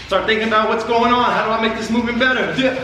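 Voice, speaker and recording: A man's voice: very high-pitched, fairly even intonation, very fast, bright, forceful tone. A man working as a fitness coach, calling boxing combos in short cues with encouragement during a workout. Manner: short barked cues and encouragement while exercising. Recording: echoey room, distant mic, background noise.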